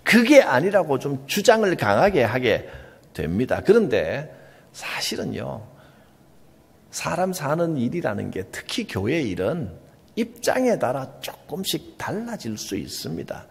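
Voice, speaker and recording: A male pastor with a Gyeongsang Korean accent, preaching an earnest, emphatic sermon with soft asides. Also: on the high side, big pitch swings, a little slow, slightly rough, big-room sound. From Gyeongsang region, Korea.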